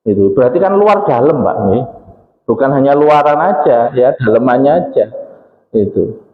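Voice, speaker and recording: A man's voice: mid-range voice, lively intonation, normal speed. A man with a Javanese accent preaching in a mosque, chatty and questioning the congregation. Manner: conversational, asks the congregation questions, mixes in Javanese. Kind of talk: religious study talk. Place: mosque hall. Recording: echoey hall, dull lo-fi sound.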